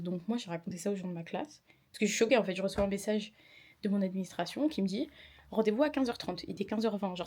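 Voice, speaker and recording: A young woman talks straight to her camera in a casual vlog, tired and chatty as she retells a run-in at school. Her voice is mellow and soft-edged and sits in a middle register. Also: mid-range voice, breathy edge. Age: young adult. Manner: chatty, indignant retelling with quoted dialogue. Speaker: student vlogger.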